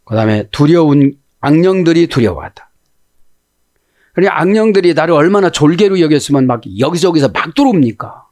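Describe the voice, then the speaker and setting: Animated preaching man. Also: on the high side, a little fast. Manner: animated preaching, acts out prayers in a pleading voice; asks the congregation "그죠?" often. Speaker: pastor. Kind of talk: sermon.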